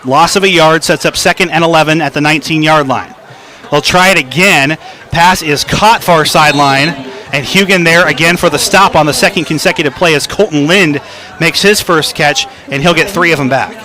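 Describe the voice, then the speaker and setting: A man calling high school football play-by-play on radio, his voice rising to a shout for an excited touchdown call. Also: moderate pace. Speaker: play-by-play announcer. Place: stadium broadcast booth. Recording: crowd behind, outdoor game ambience.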